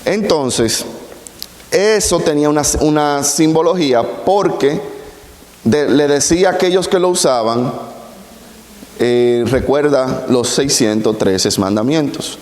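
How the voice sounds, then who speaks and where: A man preaching a sermon, explaining scripture slowly and deliberately with rhetorical questions. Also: fairly high pitch, darkish tone. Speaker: pastor. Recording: roomy echo with long hall reverb.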